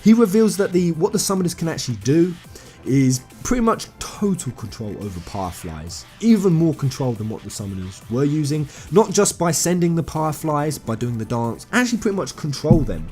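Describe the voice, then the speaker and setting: A man with a fairly high, darkish voice full of big pitch swings talks fairly quickly as a video game commentator. He is informal and enthusiastic, stressing and repeating phrases while recounting a story to viewers against background music.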